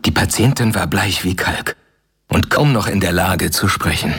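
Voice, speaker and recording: An actor playing an earnest, worried young doctor in a radio play. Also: male voice, low-pitched, expressive, moderate pace, fairly bright tone, slightly rough, heavily acted. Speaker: Doctor Seward. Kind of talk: radio play acting and narration.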